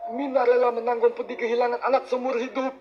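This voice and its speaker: Man acting a stern cartoon judge, very high male pitch, theatrical formal delivery, muffled audio, music underneath. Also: little pitch movement, quick pace, a little hiss or hum. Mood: solemn. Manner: formal, theatrical, grandiose declarations. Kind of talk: dramatic animated story dialogue. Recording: dull lo-fi audio with music behind.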